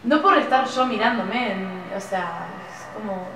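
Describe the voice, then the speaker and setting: A woman speaking casually and haltingly in a documentary interview. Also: mid-range voice, animated, a crowd in the background. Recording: very echoey distant clip, noisy.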